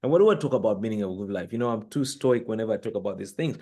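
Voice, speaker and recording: Rapid-fire and animated, this man's voice is fairly low and dark in tone. As an executive guest from northern Uganda on an interview podcast, he reflects earnestly on purpose, full of emphasis and fillers, with books visible behind him.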